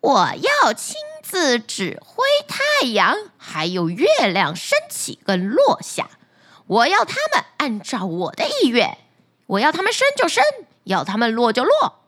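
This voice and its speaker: Woman putting on a shrill greedy wife. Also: wildly swooping pitch, a little slow, fairly bright tone, full character voice. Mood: commanding. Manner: demanding, imperious. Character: greedy shrill fisherman's wife who wants to rule all.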